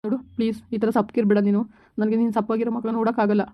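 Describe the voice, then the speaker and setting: A woman's voice: a little high, little pitch movement, racing, dull audio, natural voice. A woman acting a young husband in a homemade village drama, talking in a reassuring, coaxing way.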